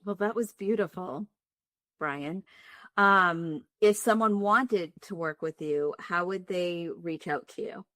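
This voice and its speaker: A woman hosting a wellness podcast interview, appreciative and smoothly guiding the talk. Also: fairly low pitch, takes it slowly, bright, forceful tone, no echo. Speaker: podcast host.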